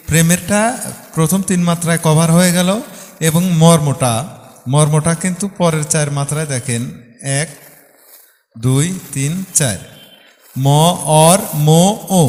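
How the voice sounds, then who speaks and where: A man with a Bangladeshi Bengali accent teaching a music lesson, patiently explaining the rhythm, counting beats aloud and singing short phrases slowly. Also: a little high, big-room sound.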